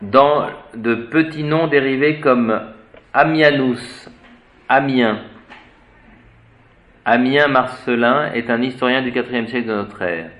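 Man, slow deliberate etymology teacher, spells words letter by letter, halting and musing. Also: medium pitch, highs cut off. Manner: hesitant, searches for words with fillers. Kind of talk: unscripted etymology lecture.

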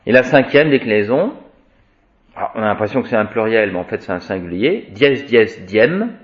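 In this spoken grammar lesson, a man chants Latin word endings in a repetitive sing-song, pausing to explain every form. He has a fairly low, expressive voice and talks at normal speed. The recording sounds muffled.

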